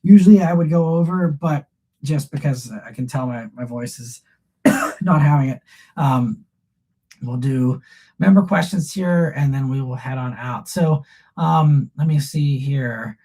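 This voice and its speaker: This male car-stream host talks a little slowly in a mellow, mid-range voice that's gone rough and scratchy from a cold. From a home room lined with shelves, he fields viewer questions in a rambling way, thinking out loud as he goes.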